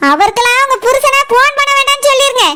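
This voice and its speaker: A woman's voice: quick pace, very noisy. A woman voicing a cold, accusing groom's mother in a cartoon. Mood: dismissive. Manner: accusing, lower and slightly distant.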